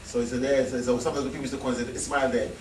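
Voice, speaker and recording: A man's voice: medium pitch, steady tone, very fast, a little mellow. Frank, rambling man in an echoey hall. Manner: frank, rambling, with laughing asides. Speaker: guest speaker telling his story. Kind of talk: casual storytelling talk. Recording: echoey hall, distant mic, noisy.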